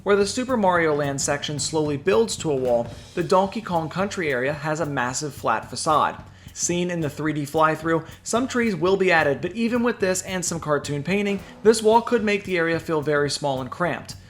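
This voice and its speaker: High-pitched man narrating a scripted video. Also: lively intonation, normal speed, fairly bright tone, slight background noise. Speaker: theme park news video narrator.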